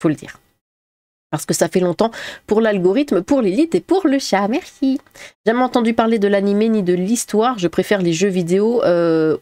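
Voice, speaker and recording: A woman talks casually through viewer comments on her channel, chatty and full of small hesitations and giggles. Her pitch sits in an ordinary middle range. The sound is dry and close, with no room echo. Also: warm tone. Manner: chatty, frequent fillers, giggles often. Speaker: YouTuber reading viewer comments. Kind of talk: casual chat.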